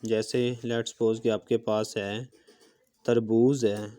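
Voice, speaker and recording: A man's voice: on the low side, level tone, takes it slowly, warm tone. A man teaching a handwriting lesson, explaining patiently step by step while he demonstrates pen strokes with a marker. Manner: patient step-by-step explaining, often checking in with "okay". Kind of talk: recorded calligraphy lesson.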